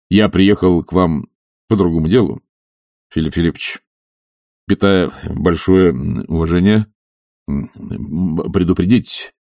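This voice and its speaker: A man's voice: sits low, a little mellow, no room sound, clean studio sound. A man reading as a polite stout officer. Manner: polite, respectful.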